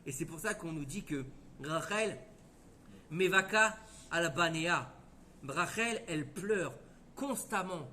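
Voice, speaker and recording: A man teaching a Torah lesson as a lively story, acting out the voices. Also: on the high side, slow, long pauses, a little hiss or hum. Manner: lively, conversational, acts out voices.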